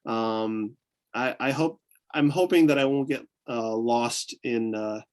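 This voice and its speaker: Speaking slowly this time, the excited photographer guest from upstate New York rambles through a casual interview chat in his blend of Southern and Northern accents. His mid-range voice rises and falls, and he keeps restarting his thoughts amid plenty of fillers.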